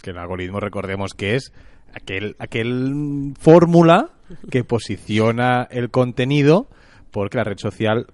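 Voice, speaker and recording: A man's voice: mid-range voice, expressive, a little slow, darkish tone, no room sound. A man chatting casually as the co-host of a podcast.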